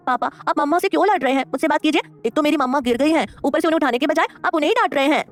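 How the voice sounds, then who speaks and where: A woman's voice: high-pitched, very fast, pitched above the performer's own voice, natural voice. A woman voicing a clever, sweet little boy who pleads and wheedles in an audio story. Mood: childlike. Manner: childlike, wheedling.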